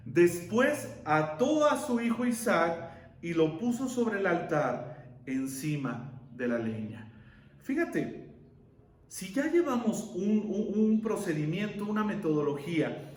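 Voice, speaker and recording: A male pastor preaching a sermon, asking rhetorical questions and pausing for effect. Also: high-pitched, echoey room.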